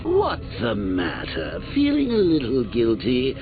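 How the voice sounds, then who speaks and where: An actor playing a gleefully sadistic clown supervillain in a video game, theatrical and mocking, with a creaky voice. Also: male voice, mid-range voice, wildly swooping pitch. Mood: taunting. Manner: theatrical, mocking, drawn-out phrasing with cackles. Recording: muffled game audio under loud music.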